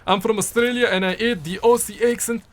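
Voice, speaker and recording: A young Pakistani man whose first language is Urdu chats casually on a livestream, answering viewer comments in a rambling, playful way that repeats words. His voice is high-pitched, steady in tone, and brisk.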